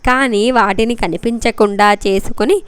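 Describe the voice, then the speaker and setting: A woman's voice: fairly high pitch, steady tone, moderate pace, clean tone, no echo. A woman storyteller giving an emotive, dramatic narration of a love story.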